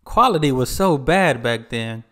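A man's voice: medium pitch, expressive, a little slow, a bit bright. A young American man giving casual reaction commentary as host of a video. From United States.

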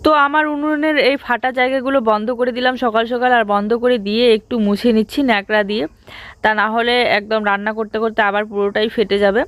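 A young woman, narrating her family vlog to viewers in a relaxed, casual way. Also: a little high, fast, dry recording. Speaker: family vlogger and mother.

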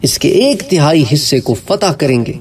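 A man giving a religious lecture in earnest, emphatic preaching style, with a Pakistani Urdu accent, rising in pitch when he stresses a point. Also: expressive, recorded from a distance. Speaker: Islamic preacher.

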